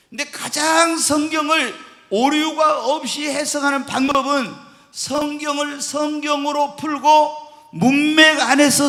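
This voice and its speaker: High bright-voiced pastor preaching. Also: male voice. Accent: Korean. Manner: asks the congregation questions and answers them himself. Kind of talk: sermon Bible teaching. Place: church sanctuary. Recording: long hall reverb in church.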